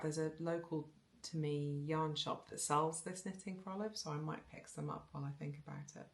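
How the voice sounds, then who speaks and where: A woman's voice: sits low, gravelly. A woman with a Home Counties English accent who chats casually about her knitting, rambling with restarts. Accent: generic Home Counties English. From South Wales. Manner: chatty, rambling, with fillers and restarts. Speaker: knitting podcaster.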